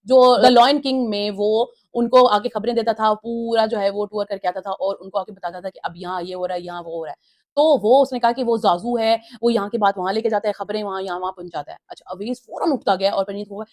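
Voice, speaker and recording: Fast-talking opinionated woman reviewer. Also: mid-range voice, fairly even intonation, a little mellow. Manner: opinionated, retells quarrels by mimicking housemates. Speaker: reality show reviewer. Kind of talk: casual episode review commentary.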